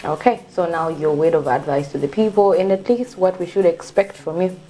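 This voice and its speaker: A woman's voice: lowish voice, brisk, dark tone, slight background noise. A woman hosting a TV talk show, asking questions and then closing the show, thanking viewers and the crew. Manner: frequent backchannel, upbeat sign-off thanking crew. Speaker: TV show host.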